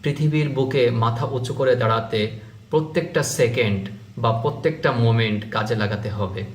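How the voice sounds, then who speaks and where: A male teacher giving a slow, deliberate spelling lesson, sounding each syllable after spelling it. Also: mid-range voice. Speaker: English teacher.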